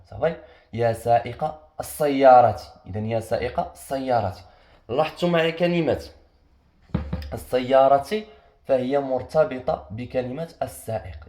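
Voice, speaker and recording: A man's voice: medium pitch, a little mellow. A young Moroccan man teaching an exam-prep grammar lesson. He asks questions and answers them himself, and he repeats the key points. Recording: echoey room.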